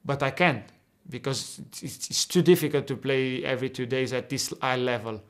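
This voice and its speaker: A man's voice: mid-range voice, moderate pace. A young man whose first language is Portuguese, a footballer answering interview questions earnestly over a video call, often restarting and repeating words. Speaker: footballer guest. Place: indoor locker room.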